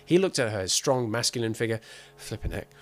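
A man's voice: mid-range voice, expressive, brisk. A man streaming a game, chatting casually and reading in-game texts aloud in a playful, hammy dramatic way.

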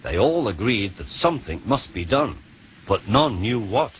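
A man narrating a children's storybook with gentle, measured delivery. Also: fairly low pitch, sing-song, noisy background. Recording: dull lo-fi with music.

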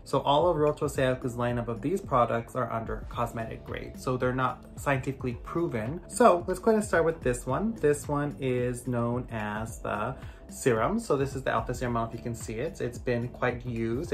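A man with a raspy voice from allergies, casually reviewing skincare products at home in a chatty, rambling way. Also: mid-range voice, normal speed, faint music behind. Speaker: skincare vlogger.

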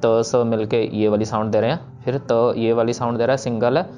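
A young man teaching the pronunciation of sacred verses, patiently repeating lines slowly syllable by syllable. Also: mid-range voice, flat delivery, a little mellow, dull audio. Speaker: teacher of scripture recitation. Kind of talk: step-by-step pronunciation lesson, slow chanted examples.

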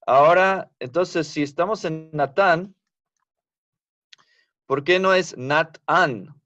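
A man's voice: high voice, fairly bright tone, no room sound, highs cut off. A man teaching a Biblical Hebrew grammar class online, explaining patiently and checking with students as he goes. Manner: patient, explains slowly, asks the class for confirmation.

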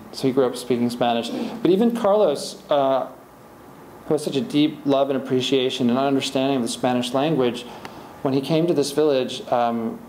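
A middle-aged author fields audience questions from a podium in an indoor library event room, rambling conversationally with many restarts. His mid-range voice is a little mellow; the podium microphone and far camera catch hall echo and a faint hiss.

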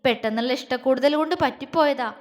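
A woman narrating a scripted romantic audio story in a soft, steady manner. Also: sits high, quick pace, in a large hall.

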